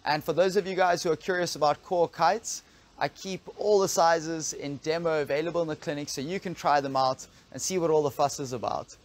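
A man's voice: fairly high pitch, steady tone, a little fast. A man in his thirties, an enthusiastic kitesurf coach, talking to camera outdoors by a pool on a lapel mic. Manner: upbeat, enthusiastic, laughing. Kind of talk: promotional vlog talk to camera.

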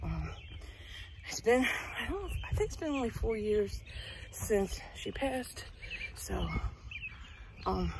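A woman's voice: medium pitch, background noise. A middle-aged woman vlogging while walking outdoors before dawn, tired and chatty, trailing off with ums, recorded on earbuds with a phone held out. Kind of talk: casual chat while walking. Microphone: wireless earbuds, phone at arm's length.

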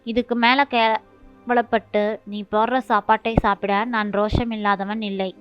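An indignant older father-in-law, voiced by a woman narrator, proud and wounded, his words hard and defiant. The sound is dull and lo-fi with quiet music behind. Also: fairly high pitch, fairly even intonation, a little slow, clear, resonant tone, lightly acted. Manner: shouting, indignant.

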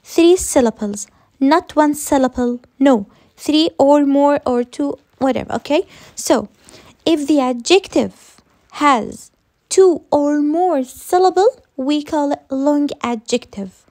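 A woman's voice: high-pitched, takes it slowly, a little mellow. A woman teaching English grammar in a recorded lesson, repeating each rule and answering her own questions.

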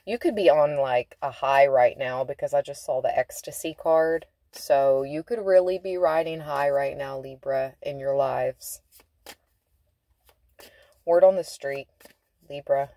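A woman's voice: very deep voice, a little slow, dark tone, no echo. A woman giving a casual tarot reading from inside a car, chatty and laughing, stretching out words for emphasis. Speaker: tarot reader.

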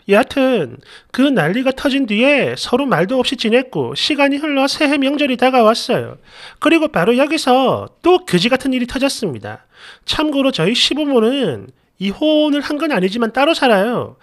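A woman reads a first-person story with indignant exasperation, throwing rhetorical questions at her listeners. Her voice is high and swings widely in pitch. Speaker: story narrator.

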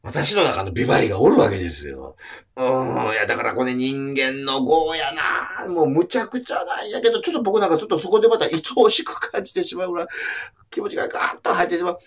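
A man in his forties with a Kansai accent, a comedian telling a film's story with lively acted-out quotes. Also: mid-range voice, quick pace, gravelly, breathy edge. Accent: Kansai Japanese. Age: 40s. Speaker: comedian reviewing a documentary film. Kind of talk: animated comic film talk.

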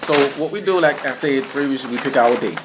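A man's voice: medium pitch, a little fast, heavy background noise. A man in his forties co-hosting a casual road-trip vlog, explaining things to viewers in an upbeat, easygoing way. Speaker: vlog co-host. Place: outdoor patio and garage of a home. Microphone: camera a few feet away.

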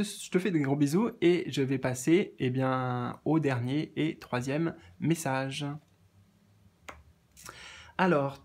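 A man giving a spiritual oracle-card reading, speaking gently to the listener with frequent hesitations and repeated words. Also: fairly high pitch.

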